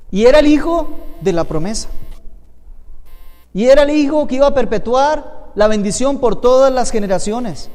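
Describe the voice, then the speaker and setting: A man's voice: high voice, warm tone, in a large hall. A man with a Costa Rican accent, a pastor teaching a Bible class to his congregation, emphatic and asking them questions. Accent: Costa Rican Spanish. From Costa Rica. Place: church hall.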